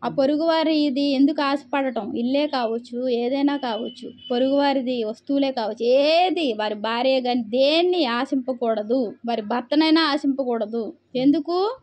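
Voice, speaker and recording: In a high, somewhat dark-toned voice at normal speed, a female preacher delivers a sermon built around scripture she reads aloud. She raises rhetorical questions and then supplies the answers.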